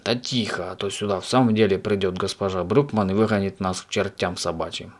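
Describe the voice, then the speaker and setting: A man voicing a grumpy, harried middle-aged lodger who grumbles in a hushed voice. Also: low-pitched, steady tone, fairly quick. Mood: exasperated.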